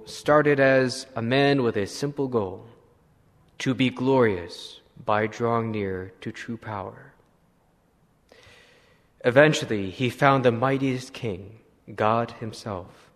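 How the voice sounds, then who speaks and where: Male priest, mid-pitched, unhurried sermon storyteller, long reverb around him. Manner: slow, measured retelling with clearing of throat.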